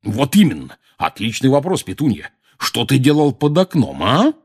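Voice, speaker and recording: A man voicing a bellowing, furious middle-aged uncle in an audiobook, hoarse and blustering. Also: medium pitch, wildly swooping pitch, moderate pace, darkish tone, pitched above the performer's own voice, full character voice. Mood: gloating. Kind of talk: audiobook character voice.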